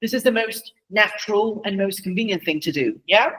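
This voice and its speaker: A man's voice: sits high, brisk, pushed and bright. A man, a language teacher, being interviewed and putting a question back to the host. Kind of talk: conversational interview. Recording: voice distant from mic.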